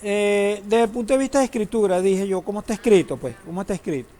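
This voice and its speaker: A man's voice: high-pitched, quick pace, mellow. A man teaching a database class, lecturing in a classroom, asking students questions and joking now and then. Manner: asks the class questions, uses humor.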